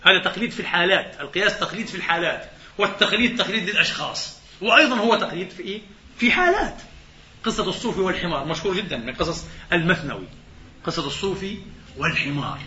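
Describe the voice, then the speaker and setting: Male lecturer, animated and quick, with a bright, forceful delivery, recorded in an echoey hall with dull sound. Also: high-pitched, slight background noise. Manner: animated, poses rhetorical questions and answers them. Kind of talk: religious lecture to a congregation.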